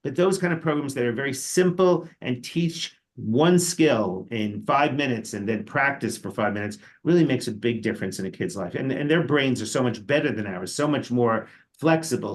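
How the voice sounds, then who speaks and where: Older New grandfather telling a story. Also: mid-range voice. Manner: anecdotal, chatty, with fillers and restarts. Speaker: panelist. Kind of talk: storytelling on a panel.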